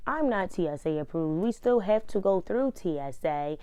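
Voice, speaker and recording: A young woman telling a story in a casual vlog, blunt and profane, animated as she goes. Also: lowish voice, moderate pace, clear, resonant tone, no echo.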